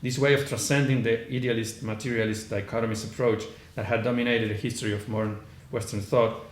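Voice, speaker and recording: With an Argentine accent, a male conference panelist delivers a hesitant academic lecture from his notes, talking a little fast in a mid-range voice with fairly even intonation. Restarts and "uh" fillers come often. It's recorded in an echoey conference room with faint background noise.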